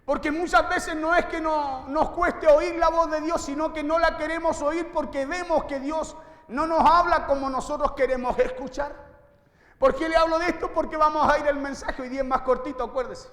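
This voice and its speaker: A man's voice: very high voice, fairly even intonation, normal speed, fairly bright tone. A male pastor, preaching a sermon to his congregation and asking them questions. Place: church hall. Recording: echoey hall reverb.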